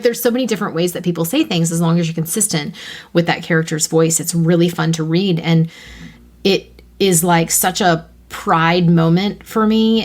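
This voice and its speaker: A bubbly, talkative American woman co-hosting a casual writing podcast. Her voice sits a little low for a woman. She rambles happily and now and then jumps into high, excited squeals. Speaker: podcast co-host, fiction writer. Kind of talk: casual chat.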